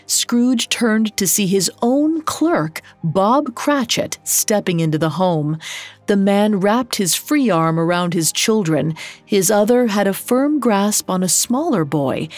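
A woman narrating a scripted story in a measured, dramatic way. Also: medium pitch, a little mellow, dry recording.

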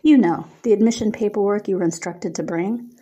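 A woman's voice: medium pitch, a little fast, mellow, breathy edge, close to an everyday voice. A woman voicing a cool, impatient young woman student official with a scornful edge.

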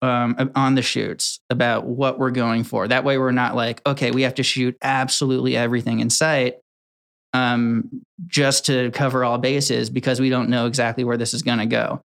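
Speaking at normal speed in a mid-range, creaky voice, this young man from Connecticut, USA, works as a video editor. As a workplace interview guest, he's laid-back and meandering, often saying "um" and starting sentences over.

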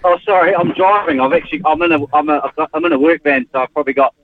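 A man's voice: on the high side, fast, slight background noise. A man with a New Zealand accent phones in to a sports radio show from a car speakerphone while driving his work van. His talk is easygoing and rambling. It comes through a thin, tinny phone line. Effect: car speakerphone over a phone line. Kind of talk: casual phone-in chat. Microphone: hands-free Bluetooth in a vehicle.

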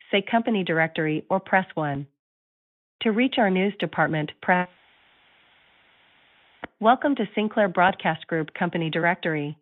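Woman's phone menu voice over a landline. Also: lowish voice. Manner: even, polite, scripted prompts. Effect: heard over a landline phone. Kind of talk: recorded phone menu prompts. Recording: tinny phone line.

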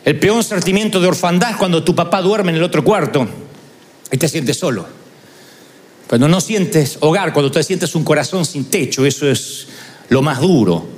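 A man's voice: a little high, normal speed. A man preaching a sermon, telling stories with humorous asides.

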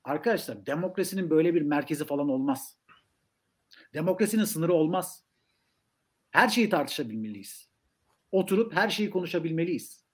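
Male academic guest for political talk show, fairly high voice, emphatic and rhetorical delivery. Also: expressive, brisk, pauses often. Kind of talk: political discussion on a live stream.

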